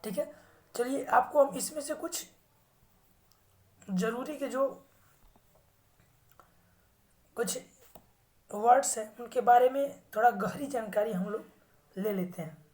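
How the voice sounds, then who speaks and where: A woman teaching English vocabulary who reads English sentences slowly with an Indian accent and then explains them in Hindi. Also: on the high side, a little mellow. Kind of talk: slow English vocabulary lesson.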